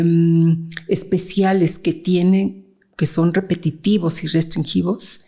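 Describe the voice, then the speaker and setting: Here a woman child psychiatrist explains cases during a relaxed interview, sharing anecdotes and often checking in with "¿sí?" between fillers. Her lowish voice has a creaky texture and a warm tone.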